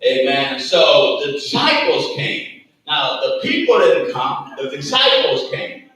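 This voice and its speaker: A man's voice: fairly high pitch, sing-song, takes it slowly, sharp tone. A man as pastor, preaching a sermon with a folksy manner, often saying "Amen" and chuckling between points. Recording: echoey church room from far off, faint background noise.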